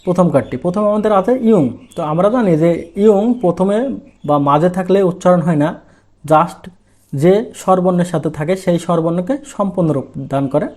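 A man with a high-pitched, warm, slightly fast voice teaches a language lesson step by step. He frequently asks a question and then answers it himself.

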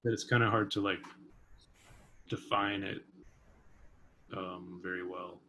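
This guest, a vibraphonist-composer in his thirties, speaks slowly in a low, fairly even voice with a bright, forceful tone. He converses casually and thoughtfully via video call webcam from his home kitchen, hedging with many fillers amid slight background noise.

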